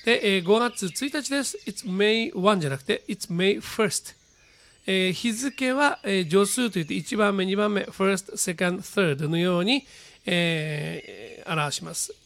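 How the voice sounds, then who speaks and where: A man teaching English pronunciation on a radio lesson, patiently repeating model phrases slowly with many fillers. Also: sits high, creaky, fairly bright tone.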